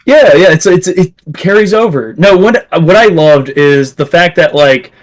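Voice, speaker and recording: A man who is a podcast guest, telling a rambling, animated story in casual chat. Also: high-pitched, unhurried.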